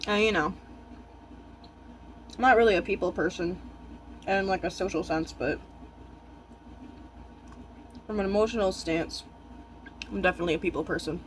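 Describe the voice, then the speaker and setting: A young man chatting casually while eating, talking with his mouth full in halting, musing short thoughts. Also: high-pitched, a bit bright, slight background noise, poor audio.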